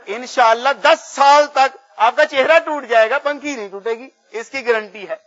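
A man's voice: extremely high pitch, fairly bright tone, voice pushed up. A man voicing a sly young fan seller who answers with mock politeness, in a muffled recording. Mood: teasing.

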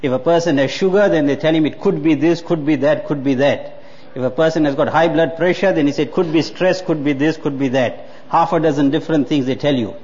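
A man's voice: on the high side, brisk, a little mellow. A man, preaching a sermon earnestly and repeating words for emphasis. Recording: muffled hall with long reverb.

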